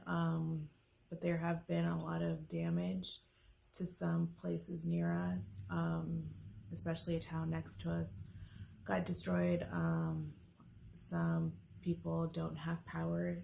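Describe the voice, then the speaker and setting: A woman hosts a casual family vlog, unhurried and full of hesitant pauses before turning bubbly. Her voice is somewhat low and carries a gravelly edge. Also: a little mellow, slight background noise. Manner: hesitant, many fillers, turns bubbly. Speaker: vlog host.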